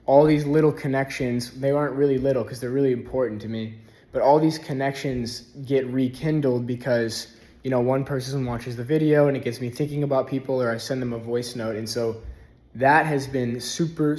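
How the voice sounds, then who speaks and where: A young man talking casually in a spiritual vlog from a rented house, relaxed and rambling, filling his speech with "like". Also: medium pitch, moderate pace. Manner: relaxed, rambling, heavy use of "like". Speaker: spiritual vlogger.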